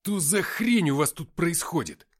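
A man voicing a loud gruff soldier. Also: fairly high pitch, lively intonation, measured pace, voice pushed up.

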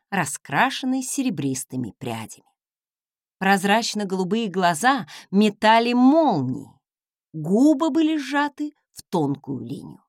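A woman's voice: medium pitch, no echo, clean studio sound. A woman reading a first-person audiobook with a wry, sardonic delivery. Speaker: audiobook narrator.

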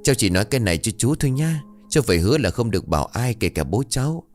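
A man voicing a clever little girl in a spoken ghost story, with a bright, high, lilting child's voice. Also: very animated, racing, faint music behind, close to an everyday voice. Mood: secretive.

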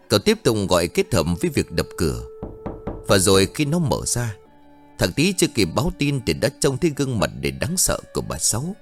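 Somber male horror storyteller. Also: on the low side. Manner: somber, dramatic. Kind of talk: scripted horror story narration. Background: faint music.

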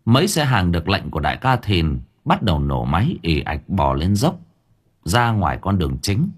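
Husky male audiobook narrator. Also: low-pitched, big pitch swings, normal speed. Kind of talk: scripted story narration.

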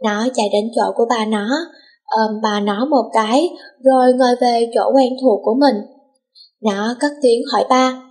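A woman reading a story aloud as an audiobook narrator, with a smooth storytelling lilt. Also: fairly high pitch, steady tone, normal speed, a little mellow.

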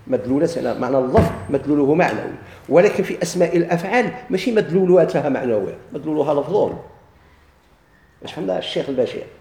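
A man's voice: a little high, warm tone, reverberant. A man with a Moroccan Arabic accent teaching a grammar lesson. He keeps posing questions and answering them himself.

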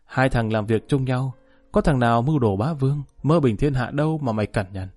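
A man's voice: mid-range voice, a little fast, darkish tone, faint music behind, lightly acted. A man reading a proud gang boss. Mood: defiant. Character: proud, stubborn male gang boss, addicted.

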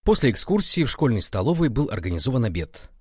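A man reading a story aloud in a measured, expressive narration. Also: medium pitch, breathy edge, no echo, studio quality.

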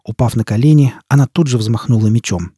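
A man narrating a fantasy audiobook in steady storytelling. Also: mid-range voice, a little fast, husky, no room sound, clean studio sound.

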